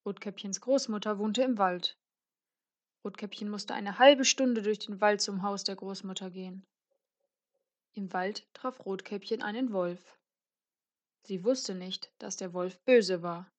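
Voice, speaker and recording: A woman reading a fairy tale aloud as a storyteller, in a clear and measured way. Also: medium pitch, steady tone.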